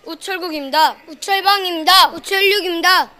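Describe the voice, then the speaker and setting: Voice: extremely high pitch, brisk, bright, forceful tone. A child with a North Korean accent giving recited, declarative interview answers. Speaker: young student interviewed.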